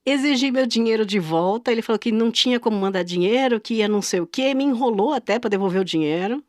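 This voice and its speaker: Animated Brazilian woman telling a story. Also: on the high side, quick pace, no echo, studio quality. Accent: Brazilian Portuguese. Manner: animated, acts out quoted dialogue, laughs often. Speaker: podcast co-host. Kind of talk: casual storytelling chat.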